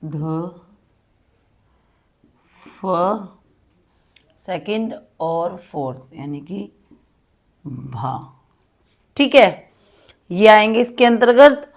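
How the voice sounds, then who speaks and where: Slow, patient woman teaching grammar. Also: medium pitch, big pitch swings, gravelly. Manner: slow, patient explaining with frequent "ठीक है" checks; mixes English words into Hindi. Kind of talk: Hindi grammar lesson, writing on a board.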